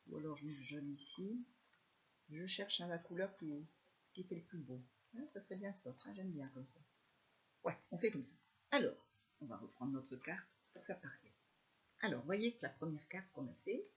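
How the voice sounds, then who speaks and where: A woman with a northern French accent giving a live scrapbooking tutorial, chatty and soft-spoken, with many fillers. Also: sits low, lo-fi sound. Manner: speaks softly, chatty, many fillers like "alors" and "hein". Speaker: scrapbooking demonstrator.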